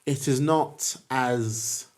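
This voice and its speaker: A young man from the student union speaks in a measured, hesitant way on a podcast, restarting phrases as he hunts for the right word. His voice sits at an ordinary middle pitch. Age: young adult. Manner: hesitant, measured, searching for words. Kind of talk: casual podcast chat.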